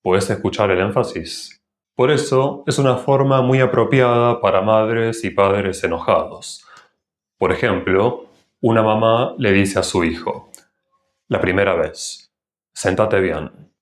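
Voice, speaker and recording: A man with a Rioplatense accent teaches grammar at a very unhurried pace, pronouncing each example word with care. His voice sits a little low, and the recording has a noticeably roomy echo. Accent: Rioplatense Spanish. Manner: slow, deliberate, enunciating example words. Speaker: Spanish teacher and channel host. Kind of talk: explanatory grammar lesson. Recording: echoey room.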